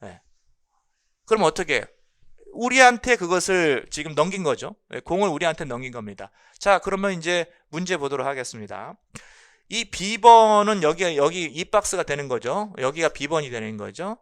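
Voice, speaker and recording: An English linguistics lecturer delivers an exam-prep lecture on phonology at a moderate pace, his pitch leaping about animatedly. His bright, crisp voice stays lively as he repeats key points and poses questions only to answer them himself.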